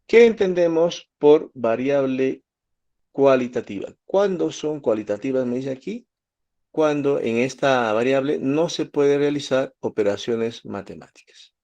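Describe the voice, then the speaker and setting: A man's voice: medium pitch, measured pace, dark tone. A man from Peru, teaching statistics and often checking in with his students. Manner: asks students questions, gives everyday examples. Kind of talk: lecture to students.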